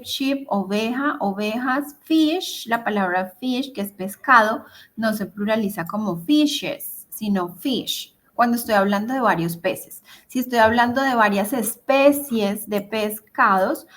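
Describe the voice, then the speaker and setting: A woman's voice: mid-range voice, fairly bright tone. A woman teacher giving an online grammar lesson over a video call, explaining patiently step by step and checking in often with her class. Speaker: English teacher. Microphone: computer mic on a video call.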